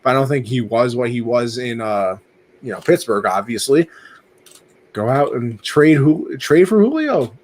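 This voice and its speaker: A young man co-hosting a sports podcast, chatting casually and excitably, tripping over his words now and then. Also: normal speed. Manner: excitable, jumps in pitch, trips over words. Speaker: podcast co-host.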